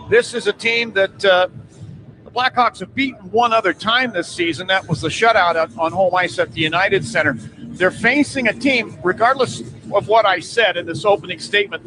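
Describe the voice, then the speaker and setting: A male play-by-play broadcaster hosting a hockey pregame radio show from an arena booth, reading sponsor lines briskly. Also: high voice. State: recovering from lost voice after a cold. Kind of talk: pregame sports radio talk. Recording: noisy arena radio feed.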